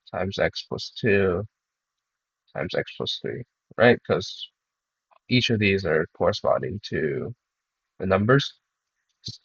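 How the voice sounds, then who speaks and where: A young man with a low, flat voice talks through a math solution while he is sick. He hesitates often and restarts his sentences. The recording is dull and dry, with no room sound. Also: breathy edge, dry recording. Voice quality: monotone. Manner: hesitant, many ums and restarts. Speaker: math club student presenter. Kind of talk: walking through a math problem.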